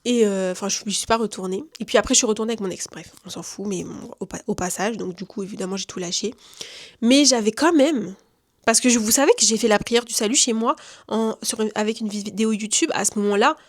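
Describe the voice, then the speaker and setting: A young French woman gives a personal testimony on her vlog, talking fast in a mid-range voice. She's chatty and lively, using casual slang and acting out what people said.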